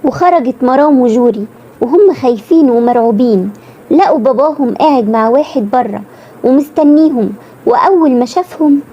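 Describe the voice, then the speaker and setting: A woman's voice: high-pitched, lively intonation, a little fast, lo-fi sound. A woman with an Egyptian accent narrating a dramatic serialized story.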